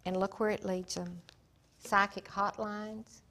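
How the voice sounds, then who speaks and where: A woman teaching the Bible in sermon style, retelling its stories emphatically and dramatically, sometimes dropping to a hushed voice. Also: medium pitch, level tone, unhurried, slight background noise. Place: Africa.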